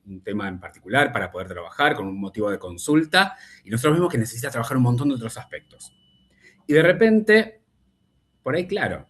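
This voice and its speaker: A man teaches a speech therapy class, working through examples from his own practice. His voice sits in an ordinary middle pitch. He often repeats the start of a phrase and checks in with a quick question to his students. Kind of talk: classroom lecture.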